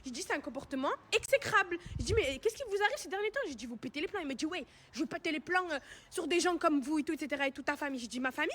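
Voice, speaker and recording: A woman's voice: high voice, animated, very fast, fairly bright tone, a little hiss or hum. A young woman telling her followers a personal story in a casual, indignant, slangy way, with emphatic retelling.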